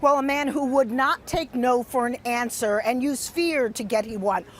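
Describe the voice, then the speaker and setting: High-voiced American woman reporting live. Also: normal speed. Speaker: TV news reporter. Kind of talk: live news report, measured delivery.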